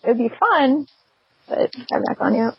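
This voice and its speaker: A woman from the Detroit area chatting casually as a guest, animated and often laughing. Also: high voice, moderate pace, vocal fry, breathy edge, no room sound, lo-fi sound. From Detroit area, United States. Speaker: podcast guest. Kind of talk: casual chat.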